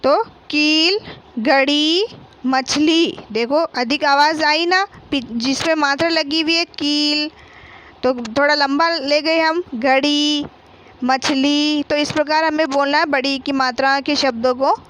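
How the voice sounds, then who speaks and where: A woman's voice: high voice, fairly even intonation, slow, a bit bright, slight background noise. A woman teacher giving a children's reading lesson, spelling out words and drawing out each syllable, saying every word twice. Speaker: primary school teacher.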